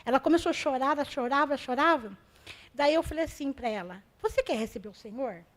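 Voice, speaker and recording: High-voiced woman giving church testimony. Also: expressive, a little fast. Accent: Brazilian Portuguese. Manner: emotional, self-deprecating, exclamatory. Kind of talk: testimony to a congregation.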